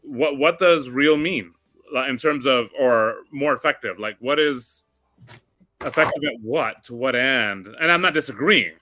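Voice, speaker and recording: A man with a bright, sharp tone talks over a casual group chat. He muses reflectively and keeps turning things into probing questions. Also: mid-range voice, measured pace.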